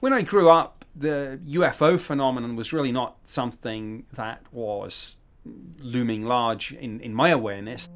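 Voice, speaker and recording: A man's voice: medium pitch, normal speed. A man from the United Kingdom with a mid-range voice recalls his past in an interview. He speaks in a composed, precise manner. Light music plays faintly behind. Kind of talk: interview recollection.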